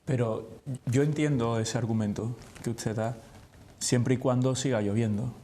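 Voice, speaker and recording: Male interviewer, formal and probing. Mellow timbre, level intonation. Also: mid-range voice, fairly even intonation, unhurried, slight background noise. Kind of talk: formal broadcast interview questioning.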